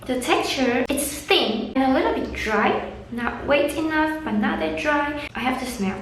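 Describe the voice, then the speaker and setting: A tired woman vlogs from the floor of her room, rambling and teasing herself in a high voice. She speaks slowly, with a lot of echo bouncing around the room and a faint background hiss. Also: expressive. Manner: rambling, self-deprecating, talks to herself. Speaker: beauty vlogger. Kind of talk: casual chat while doing makeup. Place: room at home, sitting on the floor. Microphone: camera in front of her. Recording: very echoey room.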